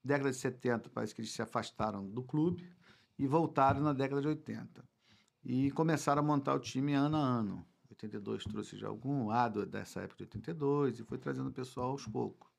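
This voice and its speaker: With a creaky, medium-pitched voice and a slightly fast pace, a Rio-accented Brazilian club president aged sixty-one reminisces in a relaxed podcast conversation, using repeated words for emphasis as a guest.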